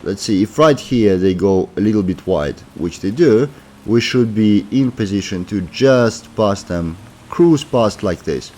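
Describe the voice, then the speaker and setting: Playing a racing game, a man offers laid-back commentary, thinking aloud with many fillers despite a sore throat from a cold. His fairly low, dark voice has lively intonation and moves a little slowly.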